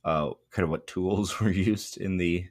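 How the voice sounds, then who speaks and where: A man teaching English, explaining a poem in a thoughtful, unhurried way with frequent fillers and restarts. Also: sits low, fairly even intonation, dry recording, clean studio sound. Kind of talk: spoken poetry lesson.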